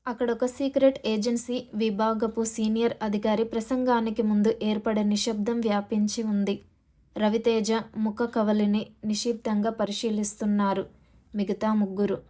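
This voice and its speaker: Female audiobook narrator, warm mellow voice, steady and dramatic reading. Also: a little high, normal speed. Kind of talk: scripted novel narration.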